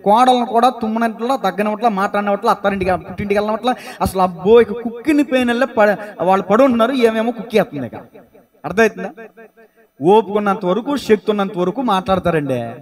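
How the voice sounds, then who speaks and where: A man's voice: sits high, fast talker. A male pastor preaching a sermon in church, telling stories and calling on the congregation to answer aloud. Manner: lively storytelling, calls on listeners to answer aloud.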